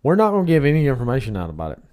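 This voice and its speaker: A man with a smoker's rasp, bantering casually as a podcast co-host. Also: medium pitch, huge pitch swings, rapid-fire, warm tone. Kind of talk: casual beer-review banter.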